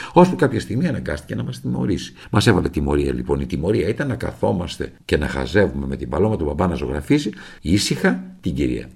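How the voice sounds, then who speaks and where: A man's voice: deep voice, creaky, darkish tone, breathy edge. A man hosting a radio show and narrating a scripted first-person story in a theatrical way. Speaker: radio host.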